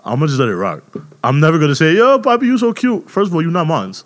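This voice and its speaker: A man, hosting a casual podcast chat, loud and joking in street slang. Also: on the high side, huge pitch swings, fast. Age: 20s. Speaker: podcast host.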